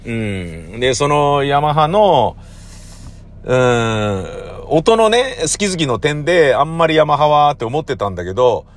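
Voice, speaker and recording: This middle-aged audio drama producer and recordist has a voice on the high side with big swings in pitch, and he speaks at a measured pace. Rambling casually on his own, he's blunt, slangy and quick to poke fun at himself, performing his reactions while he tells stories.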